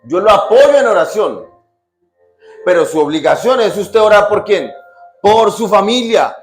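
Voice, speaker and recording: A male pastor preaching a sermon, quizzing the congregation with repeated questions and swinging between loud emphatic lines and quiet drops. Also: sits high, expressive, measured pace. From Colombia. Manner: call-and-response questions to the congregation. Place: church hall. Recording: echoey church with music behind.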